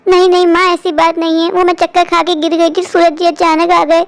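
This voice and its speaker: A woman's voice: very high voice, flat delivery, a little fast. A woman voicing a meek, mistreated young wife in a cartoon story, speaking in a pleading, plaintive way.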